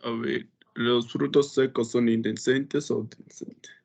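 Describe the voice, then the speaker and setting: A man's voice: mid-range voice, steady tone, a little slow, creaky. A young man answering his teacher politely and unsurely in an online class. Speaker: student.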